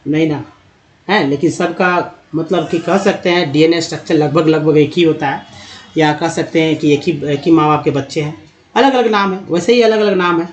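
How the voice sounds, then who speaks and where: A man leads an English pronunciation lesson for Hindi speakers. He draws each word out slowly and clearly, then moves into plain explanation, in a voice a little higher than most men's. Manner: drawn-out dictation of words, then explanatory chat. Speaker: English teacher.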